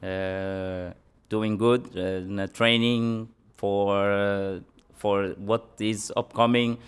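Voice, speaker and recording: A young man, a professional boxer answering interview questions in halting English full of pauses and fillers. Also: fairly low pitch, little pitch movement, clear, resonant tone. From Portugal.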